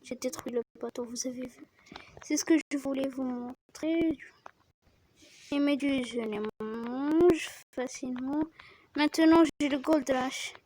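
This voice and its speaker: A woman giving casual commentary over her own gameplay, excitable, yelling at the game and restarting her sentences often. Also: high-pitched, unhurried, slight background noise, poor audio. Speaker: gamer narrating her play. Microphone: phone screen recorder mic.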